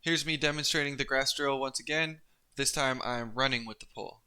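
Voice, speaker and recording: A man giving instructional narration as a coach, explaining each step in a careful, unhurried way. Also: mid-range voice, fairly even intonation, pushed and bright, clear, resonant tone. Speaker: pole vault coach and instructor. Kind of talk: instructional narration of technique and demonstrations.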